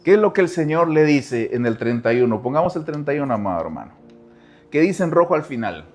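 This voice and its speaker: Very animated and fast, a man pastor preaches over soft background music. He addresses the congregation directly, repeats phrases, and moves between quiet low asides and loud cries.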